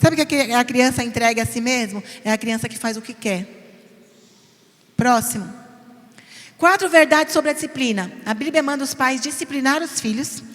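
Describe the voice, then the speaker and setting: A middle-aged woman with a São Paulo Brazilian accent leads a parenting class at church. Her voice sits high, and the big hall adds a long ringing tail to her words. She speaks with emphasis, slips in jokes and keeps checking that the listeners follow. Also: moderate pace, a bit bright. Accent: Brazilian Portuguese, São Paulo. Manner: emphatic and joking, often checks in with the audience. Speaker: church parenting course teacher.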